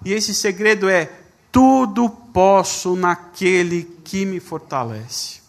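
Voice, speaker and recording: High-voiced man preaching a sermon. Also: takes it slowly. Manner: storytelling with quoted dialogue. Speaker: pastor.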